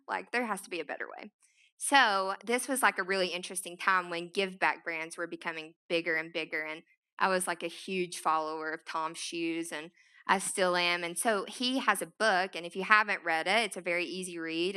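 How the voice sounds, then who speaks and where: A woman's voice: medium pitch, sharp tone, clean tone. A woman with an East Tennessee Appalachian Southern accent giving an informal, chatty, self-deprecating talk as a nonprofit founder. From East Tennessee, United States. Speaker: nonprofit founder speaking to an audience. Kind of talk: informal, conversational public talk.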